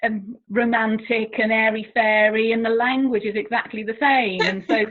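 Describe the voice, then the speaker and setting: A fairly high-pitched English woman, a languages teacher, speaks at normal speed with fairly even intonation as a guest in a casual interview. Talkative and self-deprecating, she laughs often. The line is tinny and phone-like, with background noise.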